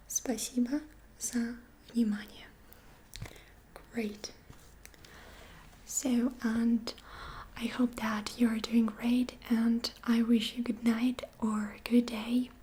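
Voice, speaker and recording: Slow, soft-whispering woman, ASMR lesson. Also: a little high. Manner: soft whisper, repeats each phrase slowly; gentle, soft-spoken. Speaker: ASMR creator teaching phrases.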